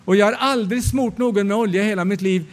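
A man voicing an eager young woman, newly in church leadership, talking in a breathless, hurried way. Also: medium pitch, voice pushed up, natural voice.

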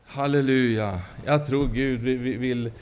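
A man preaching a sermon and giving his own testimony. He speaks haltingly, with many fillers and restarts, and breaks out in hallelujahs. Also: medium pitch, fairly even intonation, darkish tone, clean tone.

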